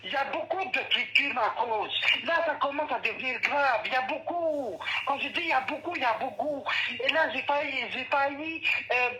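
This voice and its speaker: A stressed, whiny young man calls in to complain, stumbling and repeating his words, as a man plays him. His voice comes through bright and edgy. A crackly phone line hisses faintly under him. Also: very high-pitched, moderate pace. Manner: stammering, repeats himself, complaining. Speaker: caller. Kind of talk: comedy phone-in sketch.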